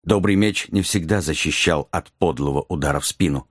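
A grim, battle-hardened knight for an audiobook. The voice is very deep, the delivery solemn and weighty. Dry, close recording. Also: male voice, a little fast, no room sound. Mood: grave. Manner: grave, solemn storytelling. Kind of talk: audiobook character reading.

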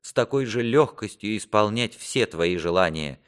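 A man's voice: lowish voice, lively intonation, normal speed, pitched above the performer's own voice, lightly acted. A man voicing a repentant young prince who earnestly begs his father for mercy. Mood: pleading. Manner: earnest, imploring. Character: repentant young male prince, pleading son.

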